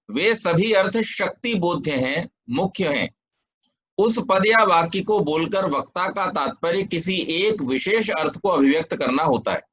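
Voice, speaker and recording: A man teaching a philosophy text, chanting verses slowly and then explaining them with everyday examples. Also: a little high, a bit bright, low-quality recording. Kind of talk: scripture lesson, reciting sutras and explaining.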